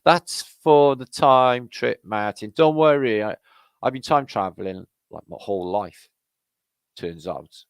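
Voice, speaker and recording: Greeting people in his chat, a middle-aged livestream host from Wales rambles and swears through casual live banter. The clean studio sound has no echo, and his smooth, mid-range voice stays unhurried.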